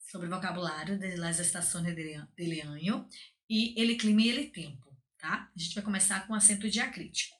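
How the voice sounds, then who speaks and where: A woman with a Brazilian Portuguese accent teaches a recorded class lesson. She explains each point patiently, step by step, and often pauses to check that her students follow. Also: on the low side, fairly bright tone. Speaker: Spanish teacher.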